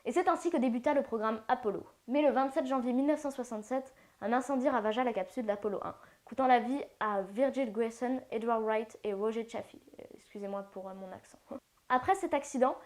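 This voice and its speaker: High-voiced woman narrating space history. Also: a little fast, few pauses, a little mellow. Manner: playful, slangy asides. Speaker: science channel narrator. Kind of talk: casual educational narration.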